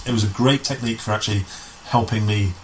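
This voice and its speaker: Guesting on an interview, a man who directs amateur pantomime tells casual stories, often restarting and repeating phrases as he goes. He speaks quickly in a lowish voice. There is a little hiss or hum on the audio.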